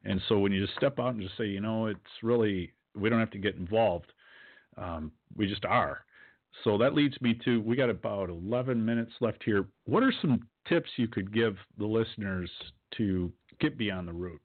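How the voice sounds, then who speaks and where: A man's voice: fairly low pitch, normal speed. A man hosting a talk show, agreeing with his guest and then asking reflective questions. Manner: agreeable, brief acknowledgements, reflective. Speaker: host. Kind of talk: interviewer in conversation. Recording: tinny phone-like line.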